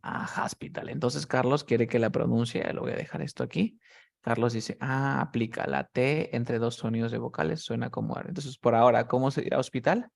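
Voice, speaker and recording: A man's voice: mid-range voice, fairly even intonation, brisk, creaky. A man teaching English to one student, patient and methodical. He breaks each rule down step by step and keeps checking that his student follows. He is heard over a video call. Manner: patient, explains step by step with many checks like "¿cierto?".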